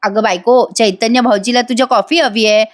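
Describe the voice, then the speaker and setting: A woman's voice: fairly high pitch, steady tone, fairly quick, lightly acted. A woman voicing a young male lawyer who teases his wife and bosses his friend, in a recap voice-over. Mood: playful. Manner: bossy and playful. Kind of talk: recap voice-over reading of a soap scene.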